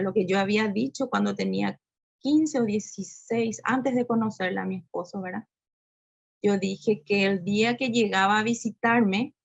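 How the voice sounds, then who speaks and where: Gravelly middle-aged woman giving testimony. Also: mid-range voice. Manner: unhurried, with frequent rhetorical "¿verdad?". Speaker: speaker at a women's talk. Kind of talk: personal testimony talk. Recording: dull lo-fi recording.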